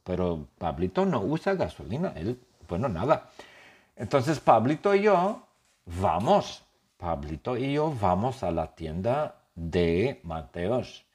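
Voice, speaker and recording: A man speaking as an eccentric young male painter, in slow, simple, deadpan first-person sentences. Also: on the low side, husky, heavily acted. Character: odd young man who paints with tears. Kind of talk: comic storytelling.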